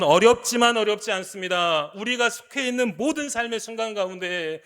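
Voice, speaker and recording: High, bright-voiced preacher. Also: male voice. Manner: swings between hushed storytelling and loud, emphatic appeals. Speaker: pastor. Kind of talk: sermon. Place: church sanctuary.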